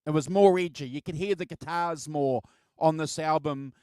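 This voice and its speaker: A middle-aged man hosts a relaxed album discussion in a fairly high, clear voice. He repeats and restarts words as he talks. The recording is close and dry. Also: dry recording. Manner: halting, repeats words and stumbles. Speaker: host of a music album show. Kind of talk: casual chat, personal reminiscence.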